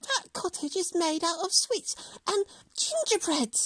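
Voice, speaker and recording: A man reading a storybook aloud and voicing a quick-witted little girl who cries out in a high voice. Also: lively intonation, dry recording. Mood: excited.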